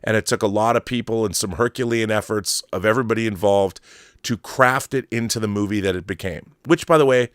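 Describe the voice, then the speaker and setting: Brisk and smooth, his lowish voice comes through clean studio audio without any room sound. As host of a film and book commentary show, this middle-aged man gives rambling, emphatic, conversational opinions full of digressions.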